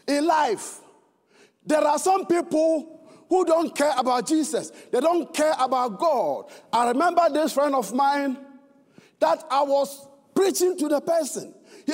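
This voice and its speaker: A man with a Ghanaian accent preaching a sermon, swinging between fervent shouts and low, earnest tones. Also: in a large hall.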